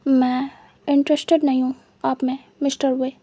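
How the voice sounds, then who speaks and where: A woman's voice: sits high, flat delivery, normal speed, mellow, no room sound. A woman doing a stern, scornful young man. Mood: cold. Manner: cold, scornful, refusing. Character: stern, proud young man held captive.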